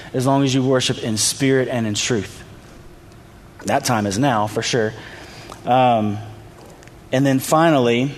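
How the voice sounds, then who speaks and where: A man preaching a sermon, retelling a story in a relaxed, conversational way and briefly acting out the people in it. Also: mid-range voice, a little hiss or hum. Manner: conversational storytelling, acts out quoted voices. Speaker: pastor. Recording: reverberant hall, faint ambience.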